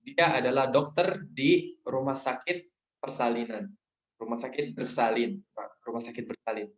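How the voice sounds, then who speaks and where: A man's voice: mid-range voice, fairly even intonation, normal speed, low-quality recording. A man teaching an Arabic lesson to a group online, explaining casually and thinking aloud with fillers.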